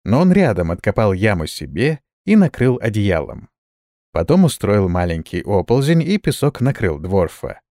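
A man's voice: on the low side, sing-song, normal speed, mellow, no room sound, clean studio sound. A man narrating a fantasy story as an audiobook, telling it expressively.

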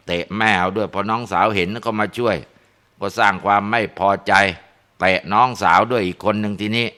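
A man narrating a ghost story in a relaxed way, with frequent tag particles and filler sounds. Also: fairly low pitch, a little fast, clear, resonant tone.

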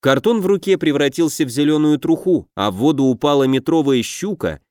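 A man narrating a fantasy audiobook in a steady, measured way. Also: fairly high pitch, no room sound, clean studio sound.

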